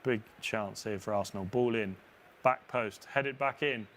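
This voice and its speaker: A man on a live football watchalong, reacting loudly to chances and arguing playfully with his co-hosts. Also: fairly low pitch, a little slow, slight background noise. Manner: excitable reactions, playfully argumentative. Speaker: co-host pundit.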